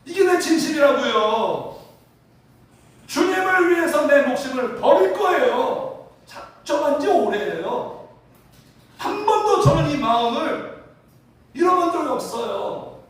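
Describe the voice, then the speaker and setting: A man's voice: very high-pitched, sing-song, moderate pace. A man voicing an indignant apostle who protests with hurt pride. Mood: resolute. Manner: pleading, protesting. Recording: very echoey hall from a distance.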